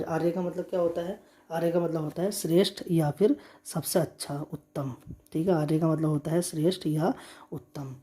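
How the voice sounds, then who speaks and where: Mellow-voiced woman teaching history. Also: fairly low pitch. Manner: asks questions then answers them herself; repeats key facts and dates slowly. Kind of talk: exam-prep lecture.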